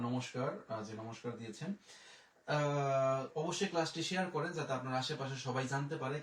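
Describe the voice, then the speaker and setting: A man with a slightly high voice teaches a live French lesson. He spells each word letter by letter and repeats it slowly for his students. He stands away from the mic, so his voice comes from far off in an echoey room. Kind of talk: live online language lesson. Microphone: distant. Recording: roomy echo, voice from far off.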